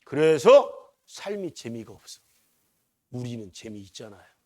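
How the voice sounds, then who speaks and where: A middle-aged man preaching a sermon in a church, moving from quiet talk to loud, urgent exclamations and asking the congregation frequent questions. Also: medium pitch, big pitch swings, a little slow. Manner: preaching with big swings from soft to shouting, rhetorical questions. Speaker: pastor. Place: church sanctuary.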